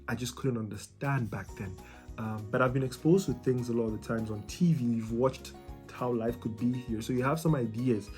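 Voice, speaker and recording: A young man from Cameroon, a YouTuber and student life coach, talks casually to his viewers about coaching students. He is friendly, with many ums and repeated words, and his medium-pitched voice is a little mellow.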